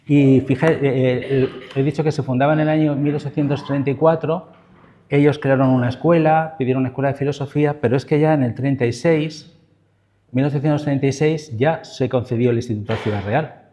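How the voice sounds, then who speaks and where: Lecturing on history in a loose, semi-improvised way, a professor with an accent from Spain adds asides and checking tags as he goes. He has a warm, mid-range voice with a steady tone and talks a little fast.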